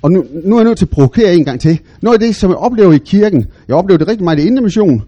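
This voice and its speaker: A middle-aged man, preaching a sermon as animated storytelling with big, loud bursts when he quotes himself. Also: sits high, highs cut off.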